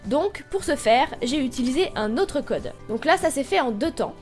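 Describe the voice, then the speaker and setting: A woman's voice: high-pitched, lively intonation, normal speed, a little mellow, faint music behind. A young woman talking casually, explaining a video game step by step like a tutorial. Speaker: gaming YouTuber.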